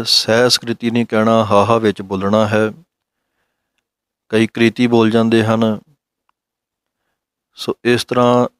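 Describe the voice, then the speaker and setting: A man gives a pronunciation lesson in a low, even voice that barely rises or falls. He recites each line slowly, then breaks down the sounds. His tone is smooth and clear, recorded dry and close. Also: no room sound. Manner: slow, careful, instructive, recites lines slowly then explains. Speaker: Gurbani pronunciation teacher.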